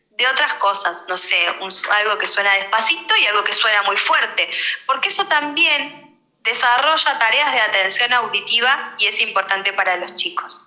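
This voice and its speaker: Woman teaching, very bright edgy tone, roomy echo, explains step by step. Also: a little high. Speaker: speech therapy lecturer. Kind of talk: online lecture with slides.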